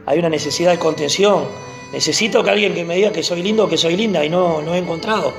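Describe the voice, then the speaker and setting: A man preaching a sermon, animated and repeating phrases for emphasis. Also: on the high side, quick pace, vocal fry, faint music behind.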